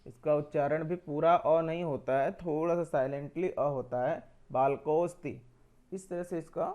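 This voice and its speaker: A man's voice: a little high, a little mellow. A man teaching a grammar lesson, explaining step by step, asking questions and answering them himself, and repeating key points.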